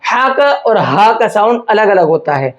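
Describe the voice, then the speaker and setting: A man's voice: high voice, very animated, muffled recording. Patient male Quran teacher. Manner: asks himself questions, then answers them patiently; slows down to demonstrate words drawn out. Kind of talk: tajweed lesson explaining pronunciation.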